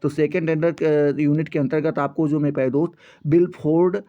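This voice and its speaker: A man's voice: fairly high pitch, level tone, moderate pace. A man teaching, going through a course syllabus point by point. He often stumbles and restarts on English terms and keeps repeating the same stock phrases. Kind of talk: syllabus walkthrough lesson. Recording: slightly dull lo-fi audio.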